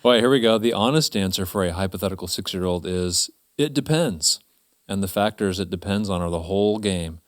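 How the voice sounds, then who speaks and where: A man's voice: deep voice, animated, a little fast, no room sound, clean studio sound. A man co-hosting a webinar, easygoing, reading chatbot answers aloud between short agreements. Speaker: co-host. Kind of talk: casual chat, reading aloud.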